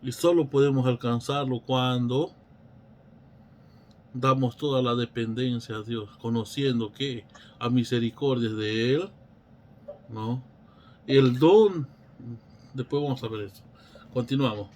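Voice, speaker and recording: A man's voice: medium pitch, unhurried, long pauses, darkish tone, slight background noise. A man teaching a Bible study in a preacherly way, asking rhetorical questions and often restarting his phrases.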